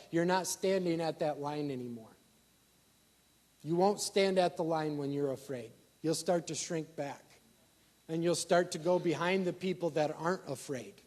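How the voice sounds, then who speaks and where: Delivering a sermon, this high-pitched male preacher throws rhetorical questions at his congregation, dropping from forceful, loud points into hushed asides.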